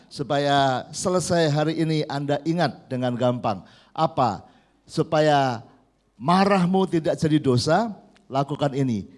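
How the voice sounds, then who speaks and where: A male pastor preaching a sermon at a church service, telling lively stories and prompting the congregation to repeat key words back to him. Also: sits high.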